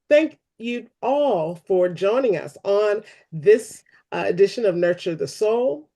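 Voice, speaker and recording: A woman hosting a church discussion, speaking unscripted closing remarks in an earnest, appreciative and measured manner. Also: on the low side, a little mellow. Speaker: host of a church webinar.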